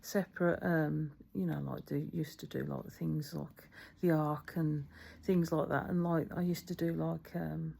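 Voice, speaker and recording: A woman's voice: sits low, fairly even intonation, measured pace, creaky, warm tone, slightly rough. A middle-aged woman, talking casually about faith with many fillers and restarts. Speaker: faith vlogger. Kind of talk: casual spoken reflection.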